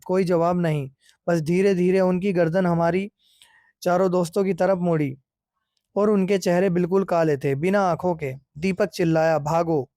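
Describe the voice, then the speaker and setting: Male horror narrator, high pitched, dark mellow tone, steady suspense. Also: dry recording, clean studio sound. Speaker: horror storyteller.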